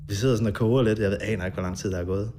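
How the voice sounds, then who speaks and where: A man's voice: fairly low pitch, fairly even intonation, dark tone, slight background noise. A man recounting a past night in a documentary interview, hesitant and full of fillers.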